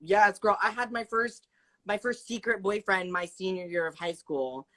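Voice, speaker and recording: A woman in her twenties with a medium-pitched, fairly bright voice hosts a casual interview over a video call at a moderate pace. She's affirming and thoughtful, using many fillers as she asks her questions.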